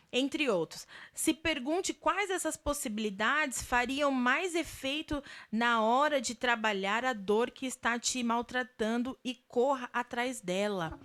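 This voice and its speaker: Uma mulher de sotaque brasileiro apresentando uma live de oração da igreja e dando conselhos passo a passo. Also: female voice, on the high side. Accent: Brazilian Portuguese. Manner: warm advice-giving, lists steps. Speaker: church live prayer host. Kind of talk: church talk giving advice.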